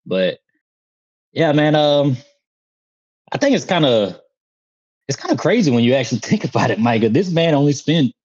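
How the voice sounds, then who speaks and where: A man's voice: a little high, big pitch swings, normal speed, pauses often, darkish tone. A man co-hosting a wrestling podcast in laid-back casual chat, wry and often laughing. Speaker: podcast co-host. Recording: slightly dull lo-fi mic.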